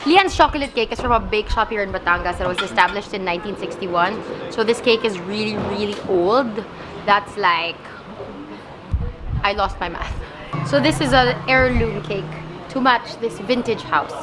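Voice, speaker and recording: Young filipina vlogger, playful chatty, easily impressed. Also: female voice, medium pitch, normal speed, noisy background. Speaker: travel vlogger. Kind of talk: casual travel vlog narration.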